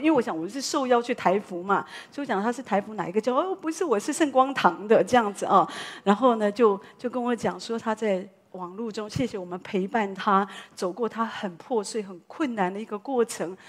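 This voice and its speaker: A woman pastor, preaching a sermon as a lively story full of exclamations. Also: a little high.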